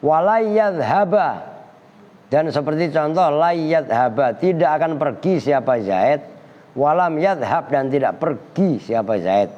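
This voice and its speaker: Male kyai, slow drawn-out recitation, joking scolds to students, dull lo-fi audio with long hall reverb. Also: a little high, animated. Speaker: kyai teaching Arabic grammar. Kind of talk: pesantren kitab lesson.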